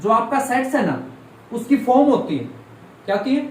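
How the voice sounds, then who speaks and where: Picked up by a distant room microphone in an echoey space with faint background noise, a male maths teacher sounds far away. His pitch is extremely high with big swings, at a moderate pace, as he keeps questioning students and having them repeat key terms back in a call-and-response lesson.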